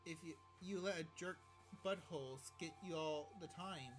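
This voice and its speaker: A man voicing a guilt-ridden teen girl in a soft, subdued tone, with game music behind. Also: on the high side, moderate pace, lightly acted.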